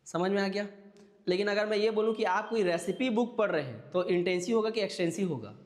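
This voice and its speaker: A man's voice: sits high, expressive, brisk, big-room sound. A man teaching an exam-prep class, explaining step by step and checking in with his listeners. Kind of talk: classroom lecture.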